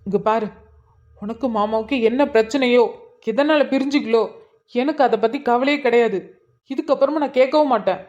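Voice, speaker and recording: A woman's voice: a little high, normal speed, a little mellow, dull audio, close to an everyday voice. A woman voicing an angry young man who scolds his sister and pleads with his friend, in a cartoon drama. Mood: firm. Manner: pleading, accusing. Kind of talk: cartoon voice acting.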